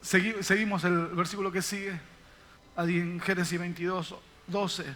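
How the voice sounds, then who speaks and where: A man's voice: high voice, flat delivery, normal speed, pushed and bright, soft background music. An older man, a pastor, preaching a sermon to his congregation in an emphatic, repetitive way. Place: church service.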